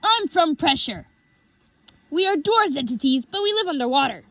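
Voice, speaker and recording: A woman voicing a friendly, loyal male fish creature in a storybook reading, in a plain, calm way. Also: sits high, moderate pace, no echo.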